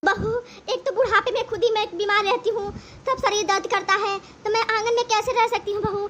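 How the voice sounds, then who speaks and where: A woman voicing a frail, meek old mother-in-law in a cartoon family drama, pleading in a high, bright voice. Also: steady tone, a little fast, a little hiss or hum. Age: over 60 (figure). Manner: pleading, tearful.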